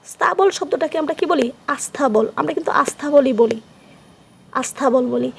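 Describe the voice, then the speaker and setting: A high-pitched woman with a Bangladeshi Bengali accent teaches an exam-prep grammar lesson. She poses questions to the class, answers them herself and repeats each key term for emphasis. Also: normal speed, creaky.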